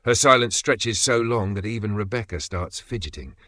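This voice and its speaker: Man, scripted story narration, measured pacing, dramatic pauses, dry studio sound. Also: fairly low pitch, sharp tone, dry recording.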